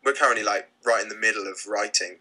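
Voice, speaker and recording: A young British man, a rock band's lead singer, answering interview questions in a relaxed way with many fillers and restarts. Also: lowish voice, fast, poor audio. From Britain. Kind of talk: casual interview.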